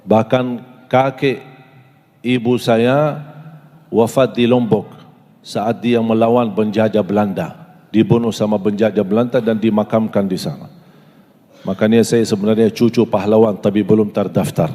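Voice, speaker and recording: Delivering a sermon to a live audience in an echoey hall, a male preacher whose first language is Arabic speaks with a fairly low, dark voice and fairly even intonation. He questions the audience, recites in Arabic, and lists things slowly and deliberately, while long hall reverb follows his words.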